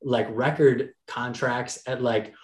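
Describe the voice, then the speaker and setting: A man in his thirties, an energetic and encouraging podcast host talking in casual chat. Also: mid-range voice. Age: 30s. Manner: energetic, encouraging, fast-flowing talk. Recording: roomy echo.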